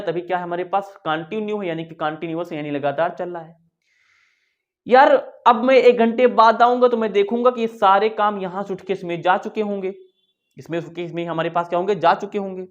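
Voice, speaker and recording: A man's voice: high-pitched, highs cut off. A man teaching a lesson in a casual, chatty way, asking his own questions and answering them. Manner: chatty, keeps saying "yaar". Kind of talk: casual classroom explanation.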